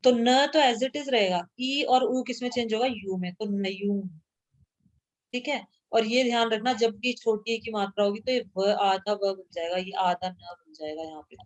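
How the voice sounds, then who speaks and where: A woman's voice: on the high side, measured pace. A woman teaching a grammar lesson to a class, patiently repeating sounds aloud and checking that students follow.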